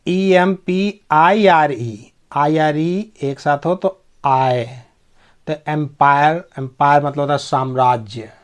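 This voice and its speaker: A man's voice: fairly high pitch, takes it slowly, clean tone. A man giving a pronunciation lesson, spelling words out letter by letter, repeating each word and checking that his listeners follow. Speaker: English pronunciation teacher.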